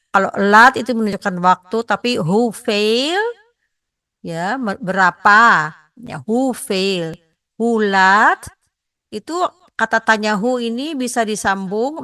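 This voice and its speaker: An older woman teaching a radio language lesson, explaining and slowly repeating Dutch phrases. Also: mid-range voice, fairly bright tone, no room sound, studio quality.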